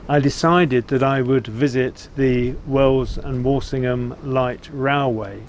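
An older man with an English accent talks to camera in an unhurried, chatty way. His voice is mid-pitched and plain-spoken. He is recorded outdoors, with some ambient noise around him. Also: fairly even intonation. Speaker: vlog host. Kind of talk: casual chat to camera, recounting a trip. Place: outdoors, seated beside a narrowboat.

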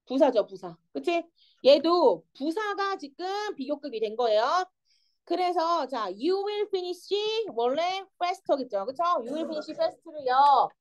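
A woman's voice: high voice, takes it slowly. A young woman teaching an English grammar lesson, explaining step by step and often checking whether the students follow. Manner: lively, keeps checking understanding with students.

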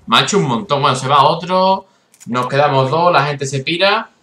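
A man with a Spain Spanish accent giving excitable, swearing live commentary over his own gameplay, with bursts of frustration. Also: a little high, moderate pace, roomy sound. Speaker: gaming YouTuber.

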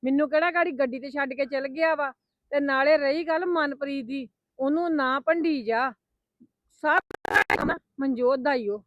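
A woman playing a soft-spoken aunt who pleads for calm in a family drama skit. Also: high voice, moderate pace, no room sound, close to an everyday voice. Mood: pleading. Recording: dry, dull lo-fi sound.

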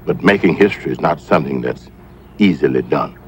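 Brief: an older, wise film grandfather, very deep, gentle and steady, outdoors with faint ambience. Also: a little fast, slight background noise. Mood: gently counselling. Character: wise, patient old grandfather in a film drama. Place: outdoors by a porch.

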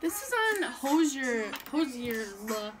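A woman's voice: a little high, animated, takes it slowly, over loud music. A woman in her twenties, giggly and tipsy, chatting casually and brashly with plenty of swearing as she vlogs her makeup. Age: 20s. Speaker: makeup vlogger. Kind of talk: casual chat while doing makeup. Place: small room at home, indoors. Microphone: built-in camera mic at arm's length. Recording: noisy home webcam-style recording.

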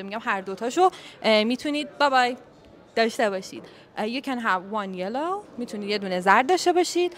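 A woman's voice: on the high side, a bit bright. A young woman from Iran, an English teacher giving a casual video lesson, chatty and often checking in with "okay?". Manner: chatty, repeats "okay?" often, switches between Persian and English. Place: office with colleagues leaving.

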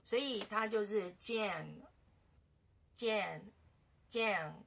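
A woman teaching a beginner language lesson in a casual way, repeating words slowly for her learners. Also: mid-range voice, creaky, sharp tone, a little hiss or hum.

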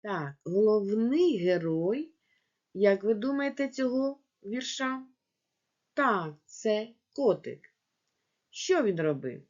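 A woman teaching young children in a video lesson, dictating words slowly syllable by syllable and speaking to the class directly. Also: mid-range voice, expressive, a little mellow. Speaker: primary school teacher. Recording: dull lo-fi home recording.

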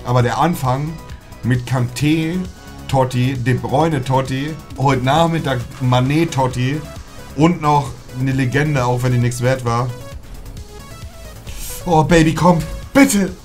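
A man's voice: medium pitch, fairly even intonation, measured pace. A young man, casually commenting on his FIFA pack openings in slangy street talk, with game music faintly behind him. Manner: slangy, says "Digga" constantly, bursts into shouting at good pulls. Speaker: streamer opening FIFA packs. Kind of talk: casual live-stream commentary.

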